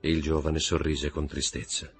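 A man reading a classic novel aloud in measured, scripted narration. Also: extremely low pitch, level tone, gravelly, slightly rough, faint music behind. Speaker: audiobook narrator.

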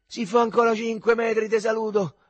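A man voicing a cocky, loud Roman teenage boy in a husky, raised voice with a Roman dialect. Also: fairly even intonation, moderate pace, no room sound, close to an everyday voice. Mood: shouting. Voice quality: shouty, raised pitch.

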